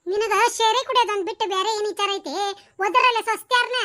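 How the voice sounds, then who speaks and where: A woman voicing a sharp-tongued, mocking old village wife in a cartoon comedy, with a North Karnataka Kannada accent. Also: very high-pitched. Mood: scolding. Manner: nagging, mocking, quick retorts.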